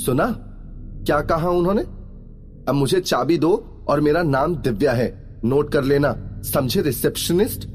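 A man's voice: on the high side, lively intonation, unhurried, pauses often, a little mellow, long reverb tail, soft background music, voice pushed up. A man voicing a feisty, bossy young woman hotel guest in a spoken story, haughty and demanding. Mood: indignant.

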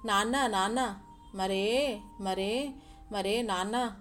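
A woman voicing an excited five-year-old girl who repeats herself breathlessly. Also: mid-range voice, slow, soft background music. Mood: eager.

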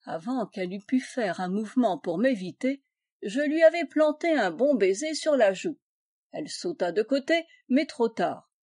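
A woman reading a classic tale aloud as an audiobook, in a measured, expressive storytelling manner. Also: a little high, dry recording, studio quality. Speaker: audiobook reader.

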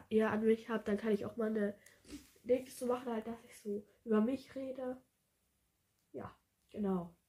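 A woman's voice: fairly high pitch, a little mellow. A woman chatting casually about a book and reading a passage aloud, hesitant and thinking aloud as she goes. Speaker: book vlogger.

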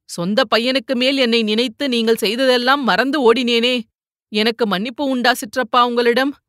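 A woman's voice: fairly high pitch, fairly even intonation, normal speed, fairly bright tone, no room sound, studio quality, natural voice. A woman voicing a remorseful young man who pleads tearfully for forgiveness, in an audiobook reading. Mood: pleading.

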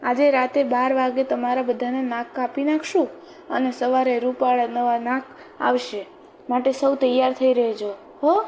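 A woman voicing a scheming middle-aged Brahmin man in a storybook tale, speaking slowly and coaxingly. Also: high voice, fairly even intonation, a little mellow, slight background noise, lightly acted, rough recording.

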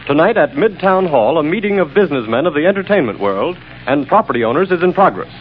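An actor playing an urgent radio news announcer, reading a bulletin in a clipped, formal vintage style. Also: male voice, on the high side, big pitch swings, fast talker. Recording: dull, faintly noisy vintage radio.

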